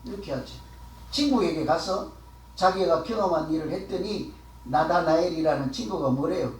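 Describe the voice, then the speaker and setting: A man preaching a sermon as pastor, talking in a conversational way, asking the congregation questions and acting out quotes. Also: high voice. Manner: acts out the quoted words of others. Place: church sanctuary. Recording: echoey hall, voice from far off.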